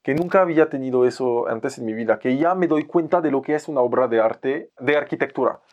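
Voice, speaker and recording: A young man from France with a French accent, a photographer telling an animated story in a podcast conversation and mixing in Mexican slang. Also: mid-range voice, a little fast, muffled recording. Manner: animated, playfully acts out other people's lines in raised voices, uses Mexican slang. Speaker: photographer guest.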